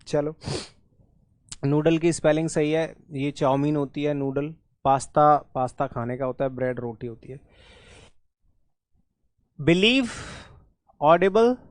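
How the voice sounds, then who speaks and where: A man's voice: fairly high pitch, no room sound. A man teaching an exam-prep English spelling lesson in Hindi mixed with English words, often checking in with his students.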